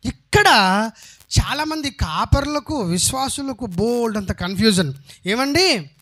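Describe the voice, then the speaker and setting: Male pastor, very high and bright voice, emphatic sermon delivery, rhetorical questions. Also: animated, measured pace. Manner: emphatic, questions the congregation and answers himself; mixes English phrases into his preaching.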